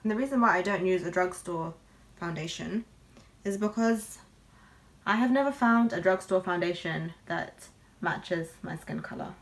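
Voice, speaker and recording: This get-ready-with-me clip features a young beauty vlogger whose voice sits on the low side. She chats casually and candidly at a moderate pace while applying makeup, using lots of fillers.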